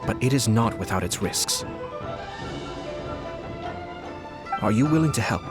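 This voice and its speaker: An actor playing a composed, shrewd young noble commissioner in a video game, speaking in a measured, formal, diplomatic way. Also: male voice, medium pitch, expressive, over loud music, natural voice. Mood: calm, scheming. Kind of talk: scripted video game dialogue.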